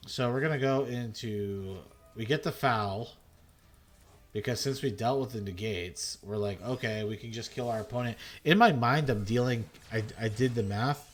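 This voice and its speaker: A man giving loose, self-mocking gameplay commentary as a video host, swearing freely. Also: lowish voice. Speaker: gaming content creator.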